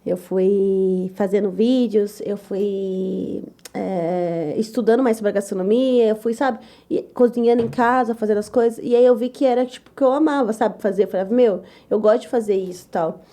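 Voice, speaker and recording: A young woman chef telling her story in an interview, lively and loud, acting out the voices of others. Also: mid-range voice, normal speed. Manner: lively, acts out quoted voices, repeats "tal, tal"; says she talks loud and gruff. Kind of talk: animated personal storytelling.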